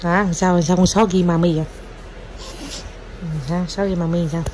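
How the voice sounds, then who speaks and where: A woman's voice: on the low side, flat delivery, normal speed, darkish tone, a little hiss or hum. A woman with a Southern Vietnamese accent, a mother at home teasing and coaxing her toddler in a casual vlog. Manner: playful, teasing, coaxing baby talk.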